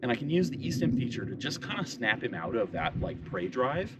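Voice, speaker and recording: A man on his ranch, casually explaining how he trains his dog, with bursts of high praise for the dog. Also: sing-song, fairly quick, far from the mic, heavy background noise. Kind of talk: casual vlog narration and dog commands. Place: outdoors on a ranch.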